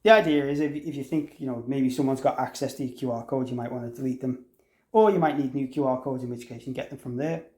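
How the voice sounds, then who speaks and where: A man with a medium-pitched, dark-toned voice moves at a quick pace through an informal product tutorial. Unscripted and conversational, he thinks out loud while demonstrating the software, and the room sounds roomy and echoey.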